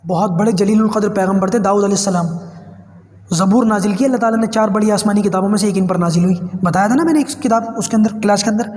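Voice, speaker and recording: A man teaching Quran reading, drawing out each syllable in slow spelling drills between quick explanations. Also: high-pitched, darkish tone, roomy sound, in a large hall. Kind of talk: spelling lesson for learners.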